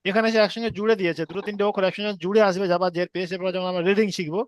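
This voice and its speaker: A man's voice: sits high, fairly even intonation, no room sound. A man teaching a reading class, spelling out sounds syllable by syllable in a patient, repetitive way. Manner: slow syllable-by-syllable spelling drills; patient, repeats each sound. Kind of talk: online reading lesson.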